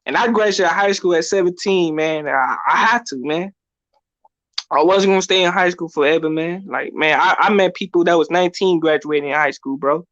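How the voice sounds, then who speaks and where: Man, high voice, casual chat, constant "man" and "bro", dull lo-fi sound. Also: normal speed, fairly bright tone, no room sound. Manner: tags lines with "man" and "bro".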